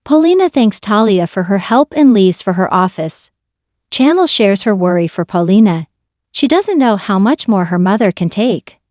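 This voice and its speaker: A woman narrating a scripted recap of soap opera events in a flat, even reading. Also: medium pitch, dry recording, studio quality.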